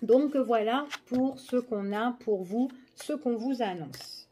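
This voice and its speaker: A woman's voice: fairly high pitch, slow, warm tone, a little hiss or hum. A woman giving a casual general tarot reading, chatty and full of fillers, often checking in with the listener. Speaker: tarot card reader.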